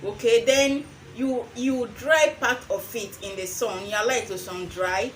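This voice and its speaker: A woman's voice: fairly high pitch, unhurried, slight background noise, poor audio. A young adult woman with a Nigerian accent gives an informal how-to demonstration, slipping into Pidgin phrasing and repeating phrases for emphasis. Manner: slips between English and Pidgin phrasing. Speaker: herbal remedy seller and vlogger.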